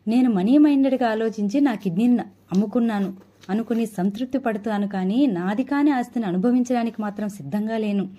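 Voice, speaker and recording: A woman's voice: a little high, brisk, mellow, muffled recording, natural voice. A woman reading a curt, aloof young woman. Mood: detached. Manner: curt, detached.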